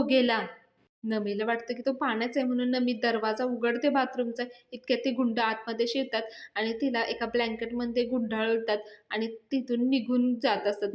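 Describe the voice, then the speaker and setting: A woman retelling a TV serial episode, acting out each character's lines in a lively storyteller manner. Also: a little high, echoey room.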